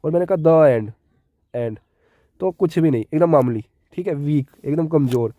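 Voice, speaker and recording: His voice is fairly high, warm, and a little fast, recorded with no echo. The man, who has a Hindi accent, walks through an English grammar lesson step by step, repeating important words and often asking "ठीक है".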